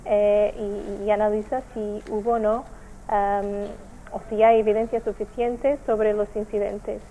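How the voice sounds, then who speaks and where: A woman from Portugal with a Portuguese accent, speaking Spanish as a second language, answering interview questions with many pauses and fillers. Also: mid-range voice, mellow, a little hiss or hum, poor audio. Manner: hesitant, many fillers and restarts. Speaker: NGO representative.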